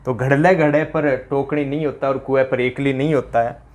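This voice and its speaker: A man's voice: medium pitch, fairly even intonation, moderate pace, a little mellow. A male teacher giving a pronunciation lesson, drilling students with repeated questions. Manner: drills with repeated questions, mimics rural dialect speakers for laughs.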